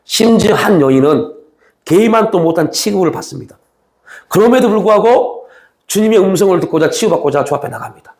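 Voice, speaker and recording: A man preaching a sermon as a pastor, moving between raised, pressing appeals and low, hushed lines. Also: lively intonation, a little fast. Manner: acts out quoted speech of Jesus and the young man.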